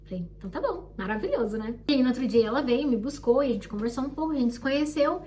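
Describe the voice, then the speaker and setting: Brief: young Brazilian woman, high voice, quick and expressive personal storytelling, slightly distant mic with faint hum. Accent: Brazilian Portuguese. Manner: animated, expressive, acts out quoted people. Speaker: vlogger. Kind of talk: casual storytelling.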